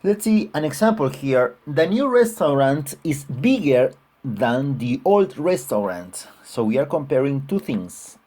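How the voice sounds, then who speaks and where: Slow, husky-voiced male teacher. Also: mid-range voice, sing-song, dark tone. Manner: patient, repeats examples, frequent "all right?" checks. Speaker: English teacher. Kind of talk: online grammar lesson.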